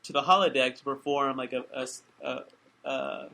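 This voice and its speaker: A man's voice: mid-range voice, normal speed, vocal fry. A young man co-hosting a podcast, animatedly recapping an episode in casual chat. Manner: animated storyteller, acts out quoted lines. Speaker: podcast co-host.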